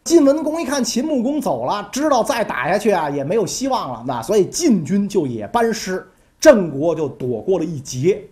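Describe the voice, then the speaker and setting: A man's voice: high voice, moderate pace. A man telling history in a casual, colloquial podcast style. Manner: animated, colloquial, acts out characters. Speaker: history storyteller.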